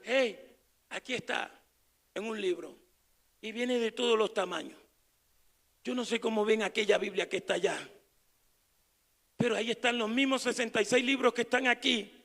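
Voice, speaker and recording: Male pastor, very high gravelly voice, bright edge, shouts then drops low, long church reverb. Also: moderate pace, long pauses. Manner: swings between shouted proclamation and low quiet asides. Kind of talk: evangelical sermon.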